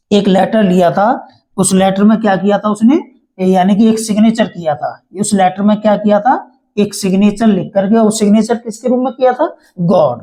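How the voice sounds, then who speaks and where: A man's voice: high-pitched, dark tone, low-quality recording. A male teacher giving a class lecture, asking and answering his own questions and repeating key words to drill them in.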